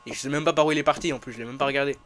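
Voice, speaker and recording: Excitable scared horror game streamer, bright-voiced man. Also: on the high side, very fast, a little hiss or hum. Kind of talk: casual French gaming commentary with slang.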